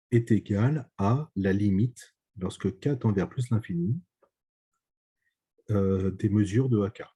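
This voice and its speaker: A man's voice: fairly low pitch, dark tone, husky. A man giving a mathematics lecture, hesitant and full of fillers, often checking that students follow. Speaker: math lecturer. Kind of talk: online lecture.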